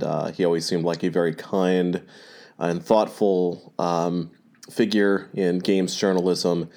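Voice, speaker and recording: A man with a deep, low-pitched voice speaks as a podcast host on a low-quality recording. He talks hesitantly and fills his pauses often. He sounds like he is still recovering from an illness. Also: a little mellow. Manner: hesitant, many filler pauses. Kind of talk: casual spoken announcement.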